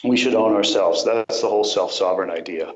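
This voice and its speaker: A man's voice: fairly low pitch, a little fast. A man from California, a guest speaking over a call, hesitant and full of ums and restarts. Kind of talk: remote interview over a call. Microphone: call microphone. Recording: echoey, dull call audio.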